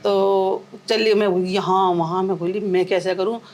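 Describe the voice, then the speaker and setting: A woman's voice: medium pitch, steady tone, unhurried, a little mellow. A middle-aged woman, a singer's mother, telling family stories in a podcast interview with vivid, emotional retelling.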